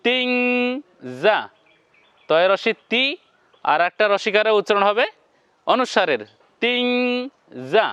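A man teaching Quran reading in a slow, step-by-step lesson, spelling out syllables one by one and then chanting the whole words. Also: sits high, lively intonation, sharp tone, clean tone, no room sound, dull audio.

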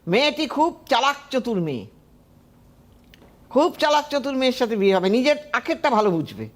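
A woman's voice: on the high side, sing-song, normal speed. A woman astrologer, giving firm, emphatic predictions to callers on a TV call-in show.

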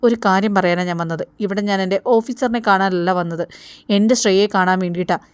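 A woman's voice: medium pitch, steady tone, quick pace, clear, resonant tone, no echo, natural voice. A woman voicing a young man who firmly warns a superior to leave his family alone. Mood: defiant. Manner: firm, warning.

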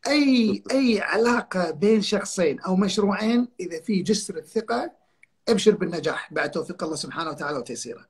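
A man's voice: high voice, lively intonation, fast talker, husky. An older man, a guest on a live online talk, telling stories emphatically and repeating his key points over a video call. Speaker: guest counselor.

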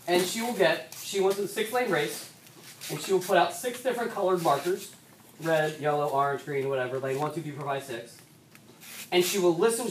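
A woman speaking as a rowing coach, giving an instructional talk for coxswains in a conversational way, often restarting her sentences. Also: on the low side. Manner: conversational, many restarts and "so"s, brisk stretches. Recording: echoey room, mic at a distance, faint background noise.

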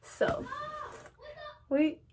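A woman's voice: very slow, noisy background. A young woman vlogging casually to the camera at home, chatty and rambling, often calling her viewers y'all. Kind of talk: casual vlog chat to camera.

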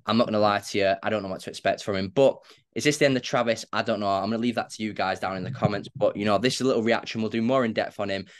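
Lad hosting a fan reaction, low voice, smooth, chatting right at the viewers. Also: male voice, steady tone, rapid-fire. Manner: chatty, addresses viewers directly. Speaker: fan channel host. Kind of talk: casual fan reaction chat.

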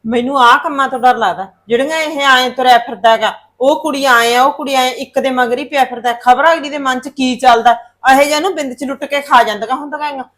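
A woman's voice: high-pitched, fast, hardly any pauses, fairly bright tone. An actress playing a worried middle-aged mother who insists her son settle his marriage, in a short film drama.

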